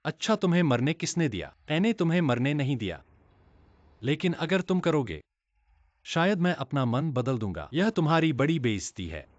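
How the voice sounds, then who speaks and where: An arrogant hidden emperor. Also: male voice, a little high, big pitch swings, normal speed, no echo. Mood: mocking. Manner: imperious, mocking. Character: haughty emperor hiding among commoners, male adult. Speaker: dub actor. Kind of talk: Hindi dub of a Chinese TV drama. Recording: dull dub track with music.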